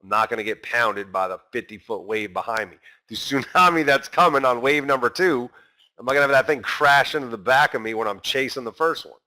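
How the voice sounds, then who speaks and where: A man teaching a recorded trading lesson, animated and talking straight to his viewers, acting out a trader's inner voice. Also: mid-range voice, a little fast. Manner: talks straight to the viewers as guys. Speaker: trading instructor.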